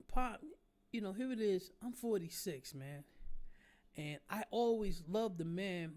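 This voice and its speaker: Heated streetwise man in his forties. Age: 40s. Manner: streetwise, repeats "man" and "understand?"; preachy, swings between low murmurs and loud outbursts. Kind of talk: heated monologue to fans.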